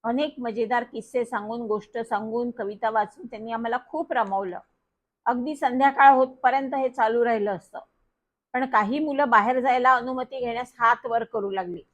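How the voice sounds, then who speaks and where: A woman's voice: a little high, normal speed. Woman reading a children's story aloud. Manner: lively, expressive storytelling. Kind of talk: storybook reading in first person.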